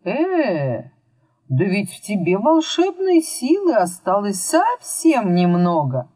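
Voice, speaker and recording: A woman reading a calm, wry male wizard with a steady, mildly mocking manner. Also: medium pitch, slow, no room sound, pitched above the performer's own voice, exaggerated voice. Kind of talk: audiobook reading.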